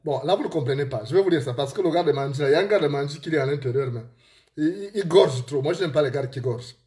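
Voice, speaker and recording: A man with a Gabonese accent, an author telling a story to listeners and reading aloud from his own book in a lively way. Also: on the high side, fast.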